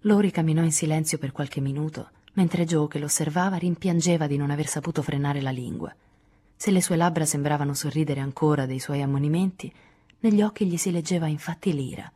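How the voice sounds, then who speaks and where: A woman reading a novel aloud as an audiobook narrator, in a calm, measured storytelling manner. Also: deep voice, slightly rough. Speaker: audiobook reader. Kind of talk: scripted narration.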